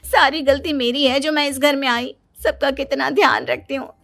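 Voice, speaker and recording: A woman's voice: high-pitched, fairly even intonation, moderate pace, vocal fry, fairly bright tone. A woman voicing a self-pitying, complaining daughter-in-law in a Hindi cartoon story, whiny and dramatic. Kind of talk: animated Hindi story dialogue.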